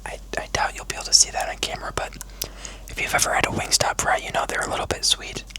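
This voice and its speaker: The voice is a steady whisper from start to finish, in the style of an ASMR food vlog. The host chats casually and takes their time, speaking close to the microphone. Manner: whispering throughout, unhurried, casual and chatty. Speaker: mukbang video host.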